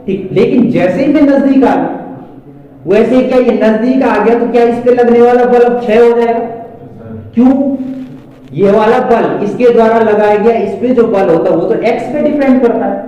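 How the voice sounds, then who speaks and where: Man, physics teacher, classroom lecture, high pitch, keeps quizzing students, far-off camera mic, very echoey room. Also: moderate pace, highs cut off. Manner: keeps asking the class questions to check understanding.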